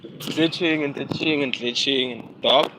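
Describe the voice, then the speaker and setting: On a phone live stream from a neighborhood street, a South African rapper and vlogger rambles casually in slangy talk, apologizing for glitches. His medium-pitched voice keeps a fairly even intonation and a measured pace over background noise.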